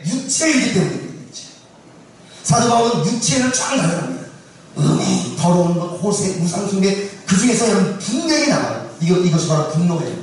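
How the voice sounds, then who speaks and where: A male pastor preaching a sermon and often putting questions to his congregation. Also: high voice. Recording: echoey church hall, distant mic.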